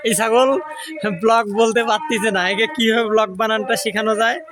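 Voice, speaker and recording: A young man, vlogging casually and loudly coaxing a goat outdoors. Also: sits high, little pitch movement, brisk, noisy background. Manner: coaxing a goat to talk, often loud and urging. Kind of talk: casual daily vlog. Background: goat bleats.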